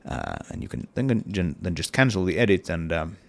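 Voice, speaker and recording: An indie game developer with a cold and a partly lost voice talks casually through his game level in a hesitant devlog packed with fillers. His voice is low and gravelly, swooping wildly in pitch at a moderate pace.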